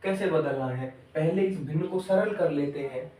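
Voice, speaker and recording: A maths teacher speaks at a moderate pace in a warm, slightly high voice, walking the children through each step of the lesson, repeating it and asking questions. He addresses them as children; the sound is echoey, his voice far from the mic.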